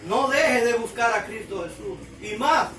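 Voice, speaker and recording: Preaching a sermon, a man fires one question after another at his listeners in an extremely high, expressive, sharp voice at a slightly slow pace. Soft music plays behind him, and the room is echoey with the mic set at a distance.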